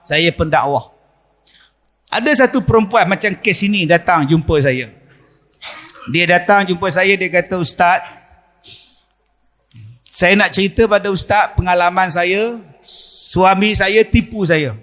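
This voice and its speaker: A man's voice: high-pitched, animated, measured pace, pauses often, a bit bright. A middle-aged man with a Malaysian Malay accent preaching a sermon in a mosque, telling stories and acting out the voices of the people in them.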